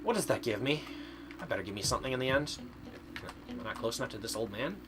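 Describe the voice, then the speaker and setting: A man's voice: mid-range voice, lively intonation, fast talker, background noise. A man from Canada doing live game stream commentary, chatting away and playfully arguing with his chat as he reads it aloud.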